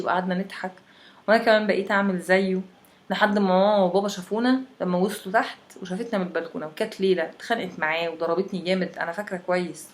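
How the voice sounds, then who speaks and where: A woman's voice: on the low side, close to an everyday voice. A woman voicing a wry, chatty young Egyptian woman from Alexandria who tells a friend about winter.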